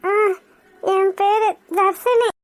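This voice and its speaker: Cartoon girl, young, lost and tearful, a woman voicing her; very high voice, dry close read. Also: steady tone, dry recording, full character voice. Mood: dazed, tearful. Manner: weepy, halting, bewildered. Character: young injured girl, frightened and confused. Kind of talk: cartoon voice acting.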